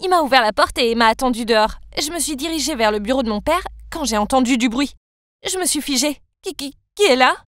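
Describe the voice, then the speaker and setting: A young woman narrating a first-person story in a dramatic, expressive way. Her voice is high and smooth. The sound is dry and close. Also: fast talker, no echo.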